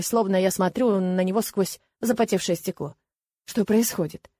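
A woman narrates a first-person fantasy story with lively, expressive delivery. Her voice sits mid-pitch. The recording is dry and close. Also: no echo. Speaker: audiobook narrator.

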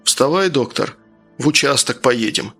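A steady village policeman who speaks flatly and firmly, as a man plays him. The gravelly voice stays low-key. Faint music runs under this audiobook. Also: a little slow, exaggerated voice. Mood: calm. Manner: calm, businesslike. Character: calm, firm village policeman, middle-aged man.

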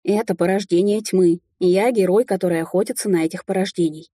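A woman's voice: on the low side, fairly even intonation, brisk, dark tone, no echo, studio quality, close to an everyday voice. A woman voicing a stubborn young son who insists on fighting, in an impatient tone.

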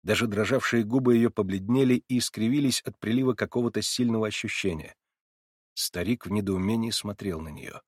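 A man narrating a classic novel in a steady, measured audiobook reading. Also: lowish voice, slightly rough, no echo, clean studio sound. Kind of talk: scripted literary narration.

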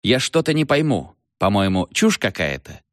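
A man reading as a flustered young aristocrat in an audiobook, bleating and easily rattled. His low voice jumps up and down, and the sound is dry and close. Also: very animated, moderate pace, dry recording. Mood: pleading.

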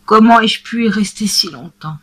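A woman's voice: medium pitch, normal speed, fairly bright tone, breathy edge. A woman voicing Blanquette, a wistful young goat. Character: young female goat longing for freedom. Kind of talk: storybook reading.

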